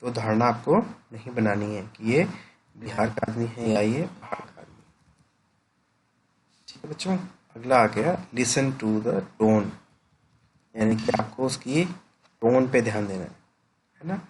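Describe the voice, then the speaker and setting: A man teaching a class in a patient, explanatory lecture, pausing often to ask his students "right?". His voice sits at an ordinary middle pitch. A faint hum of ambience hangs behind him. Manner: explanatory, peppers sentences with "right?" tag questions.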